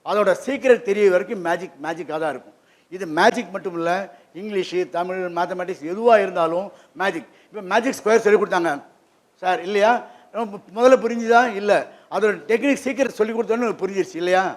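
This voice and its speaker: A man giving an interactive lesson to children in a library hall, keeping them engaged with quick questions. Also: high voice. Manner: lively, keeps quizzing the audience with quick questions. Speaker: guest presenter at a children's program.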